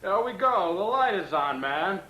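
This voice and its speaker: This Brooklyn home video maker talks unhurriedly in a high, sing-song voice that is pushed and bright, with the high frequencies cut off. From his apartment bedroom he rambles profanely to a pen pal, bragging, making threats, stuttering through restarts and repeating "man" constantly. A tripod camcorder records it onto a distant, roomy 1990 tape with hiss.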